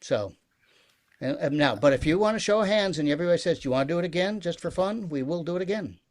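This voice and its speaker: A man's voice: fairly high pitch, lively intonation, quick pace. A man chatting casually and informally with a group. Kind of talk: casual chat after a performance.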